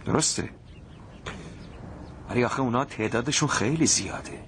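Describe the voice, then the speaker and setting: A man voicing a gentle city doctor in a dubbed drama, trying to calm people down. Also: mid-range voice, noisy background, close to an everyday voice. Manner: calming and soothing.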